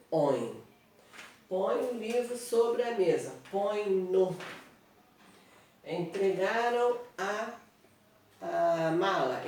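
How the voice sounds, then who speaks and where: A Brazilian woman teaches grammar at a small whiteboard, speaking slowly and walking through each example step by step. Her voice comes from some distance from the microphone. The room is strongly echoey, with faint noise underneath. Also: mid-range voice, darkish tone. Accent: Brazilian Portuguese. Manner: slow, explanatory, repeats examples and checks with "tá?". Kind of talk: online grammar lesson at a whiteboard.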